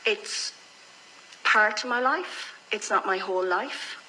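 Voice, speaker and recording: A woman's voice: mid-range voice, slow pace, sharp tone, a little hiss or hum, rough recording. A middle-aged woman with an Irish accent, telling her own story frankly and reflectively as an interview guest. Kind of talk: candid personal storytelling in conversation.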